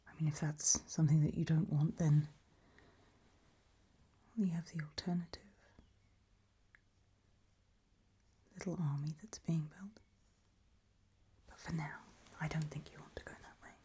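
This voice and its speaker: A woman voicing a gentle, eerie undead guide in a whispered role-play, slow and patient, with a breathy, husky whisper as she softly gives instructions. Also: low-pitched, flat delivery. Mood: calm, quietly menacing.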